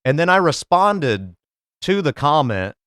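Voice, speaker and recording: A man's voice: on the high side, very animated, measured pace, a bit bright, clear, resonant tone, no echo, clean studio sound. A man hosting a solo podcast, talking in a sarcastic, profane, rambling way. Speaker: podcast host. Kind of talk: casual solo podcast commentary.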